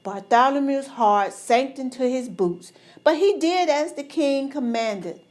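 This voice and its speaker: Storyteller, woman, slow expressive read-aloud. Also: high-pitched.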